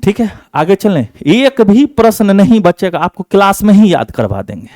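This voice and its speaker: A male teacher running an exam-prep class, repeating each answer slowly and checking again and again that students have it memorized. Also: sits high, big pitch swings, darkish tone, no room sound, clean studio sound. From Bihar, India.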